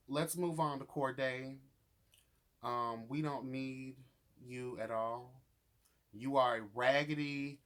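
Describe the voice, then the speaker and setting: A sassy, emphatic man rants profanely as a YouTube reviewer of a reality show, delivering a casual, opinionated monologue. His voice is mid-range with a sharp tone.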